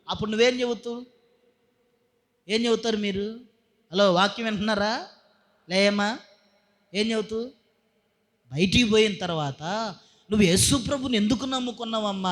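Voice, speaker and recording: A male pastor preaching a Sunday sermon, shouting and putting questions straight to the congregation. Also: high-pitched. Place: church service.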